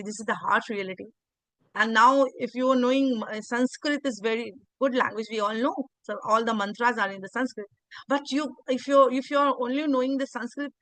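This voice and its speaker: A woman with a slightly high, somewhat bright voice speaks with no room sound on poor audio. She is an English teacher and channel host, a native Hindi speaker with an Indian accent, talking earnestly in a video interview. She repeats words and restarts her sentences often.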